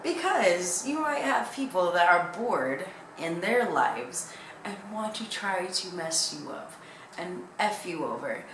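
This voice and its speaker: A young woman YouTuber with a lowish, animated voice talks slowly and candidly to viewers, rambling from one thought to the next. The room is echoey, with faint background noise.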